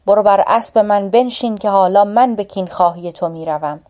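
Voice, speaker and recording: A woman's voice: medium pitch, mellow, natural voice. A woman reading the lines of an angry, loyal male warrior in a storybook tale.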